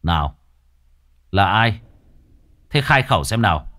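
A man voicing a calm, blunt, mocking male exorcist who gives orders. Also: on the low side, measured pace, dry recording, clean studio sound. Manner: calm, teasing, commanding.

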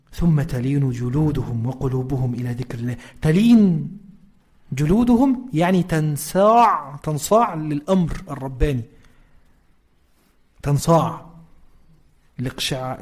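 A man with an Egyptian accent giving a conversational Quran lesson and checking in with his listeners through rhetorical questions. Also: on the high side. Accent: Egyptian Arabic. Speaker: religious teacher.

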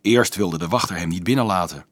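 A man reading a children's novel aloud as an audiobook narrator, in a steady storytelling manner. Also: sits low, a little fast, no room sound, clean studio sound. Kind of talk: scripted narration.

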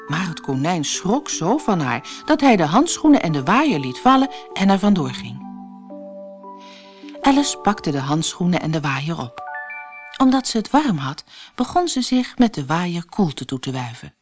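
Lively Dutch woman reading a storybook. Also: on the low side, a little slow, soft background music. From Netherlands. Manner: lively, expressive narration.

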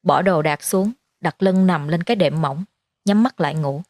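A woman narrating a horror story in a measured storytelling manner. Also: fairly low pitch, darkish tone, no room sound. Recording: faint music underneath.

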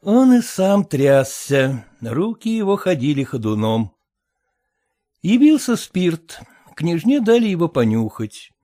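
A man narrating an audiobook in an expressive reading. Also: a little high, slow. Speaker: audiobook reader.

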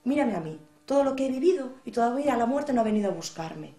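A woman voicing a patient old grandfather who speaks slowly and softly. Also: a little high, expressive, reverberant. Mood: calm.

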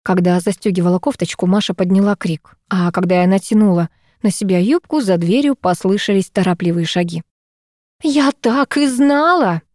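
A woman narrating a first-person audiobook in a lively, expressive way. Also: lowish voice, brisk, hardly any pauses, no echo, studio quality.

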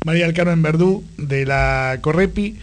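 An Argentine man hosting a conversational radio interview, with informal, halting phrasing. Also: a little high, a little hiss or hum. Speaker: radio host.

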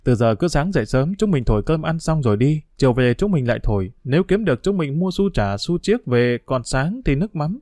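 Tích, a level-headed orphan boy as a man voices him, explaining and gently scolding in a steady, even voice close to the reader's own. The sound is dry and close, with no echo, in a storybook reading. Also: a little high, brisk, hardly any pauses. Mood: planning. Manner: calm, reasoning, mildly scolding. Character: sensible thrifty street boy, calm leader.

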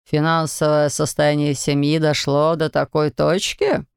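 A woman's voice: deep voice, flat delivery, smooth, no echo, clean studio sound, pitched below the performer's own voice. A woman reading aloud and voicing a meddling, mocking middle-aged male neighbor who drawls his remarks. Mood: teasing. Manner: teasing, drawling, slow.

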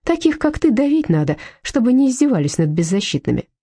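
A woman reading a storybook aloud, voicing a bold, sharp-tongued woman who stands up for her dog. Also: on the high side, very animated, brisk, breathy edge, dry recording, studio quality, pitched above the performer's own voice, heavily acted. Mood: defiant.

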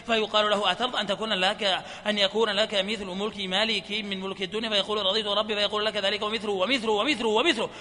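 A man reading hadith chains aloud at a study session, in a rapid, flat recital. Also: high-pitched. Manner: reads fast in a flat chant, laughs softly at times. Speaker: hadith reader. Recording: reverberant hall with faint noise.

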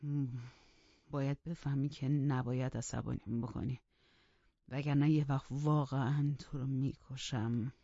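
A woman voicing a furious, brutal middle-aged master of the house who shouts threats, in a dull lo-fi recording. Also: extremely low pitch, steady tone, dry recording. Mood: forced calm.

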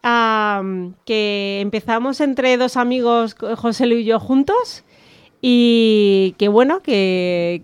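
A woman's voice: medium pitch, clean tone, no room sound. Chatty woman from La Mancha. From La Mancha, Spain. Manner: warm, chatty, many fillers and restarts. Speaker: guest, podcast creator. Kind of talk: casual interview talk.

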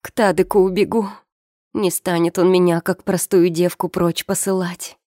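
A woman's voice: steady tone, normal speed, darkish tone, no echo, studio quality, close to an everyday voice. A woman voicing a spoiled, weepy young noblewoman who sobs and wails her lines in an audiobook. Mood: wailing. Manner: sobbing, wailing, shrill. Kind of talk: audiobook character reading.

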